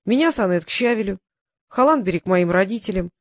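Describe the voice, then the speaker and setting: A quiet earnest teenage boy, as a woman reads him. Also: mid-range voice, lively intonation, quick pace, no room sound, studio quality.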